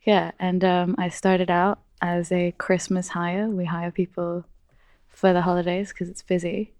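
A twenty-year-old woman from Indonesia, speaking in a slightly low voice with a dry, close sound. She co-hosts a podcast in easy, bubbly conversation, quick to laugh along. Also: little pitch movement, a little mellow, dry recording. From Jakarta, Indonesia. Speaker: podcast co-host, cinema staff member. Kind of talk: casual chat.

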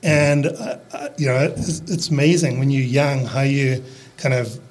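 South African man in his fifties, halting. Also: medium pitch. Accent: South African, fading toward American. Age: 50s. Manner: halting, restarts a lot, fillers, relaxed. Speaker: podcast guest, landscaping business owner. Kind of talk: casual conversational interview.

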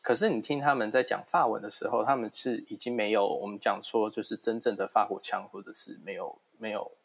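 A man's voice: lowish voice, fairly even intonation, a little fast, creaky, slightly rough. A man with a Taiwanese Mandarin accent in a casual discussion, dropping English words into his speech.

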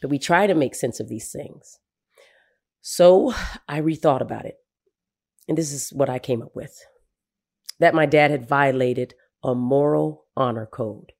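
A man telling the story of his late father in a measured, soft-spoken, reflective narration. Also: mid-range voice, gravelly.

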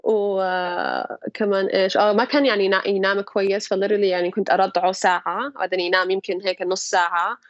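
Speaking fast and flatly in a mid-range voice, a young mother recounts giving birth in a relaxed interview, her Arabic carrying a Levantine accent and sprinkled with English. The recording is muffled and dry, without any room sound.

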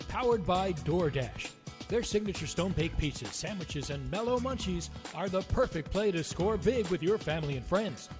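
Guy doing an upbeat home shopping host style ad read, high voice, music playing loud behind him. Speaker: advertisement announcer. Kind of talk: scripted promotional read.

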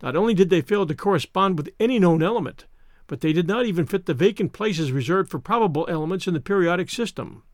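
A man's voice: high-pitched, animated, fast, dry recording, studio quality. A man, a podcast host, reading a horror story aloud in audiobook style.

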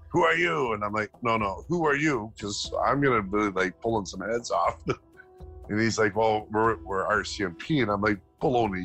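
A man's voice: on the low side, slightly rough, poor audio. A middle-aged man recounting a family event in an interview, acting out the voices of the people he quotes. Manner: animated, acts out quoted dialogue. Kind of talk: emotional interview storytelling.

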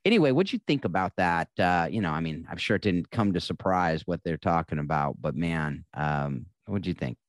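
A man with a deep voice talks through a casual podcast chat as co-host. He speaks in an earnest, coaching tone. The sound is dry and close, with no room around it. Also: animated, normal speed, hardly any pauses, no room sound.

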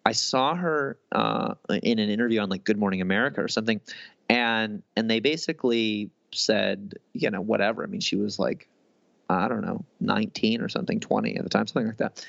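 A man in his thirties talks in a loose, rambling way, often restarting his sentences and filling gaps with fillers. His low voice has a gravelly edge. The sound is dry and a little dull, with a lo-fi quality. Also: a little fast, fairly bright tone, dry recording. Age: 30s. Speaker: guest author. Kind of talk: casual interview conversation.

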